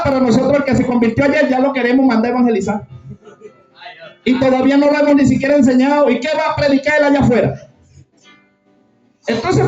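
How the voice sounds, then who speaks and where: High-pitched preacher in an echoey church. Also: male voice, darkish tone. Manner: emphatic, addresses congregation as "hermano", rhetorical questions. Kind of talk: sermon. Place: church hall. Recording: echoey room, distant mic, dull sound.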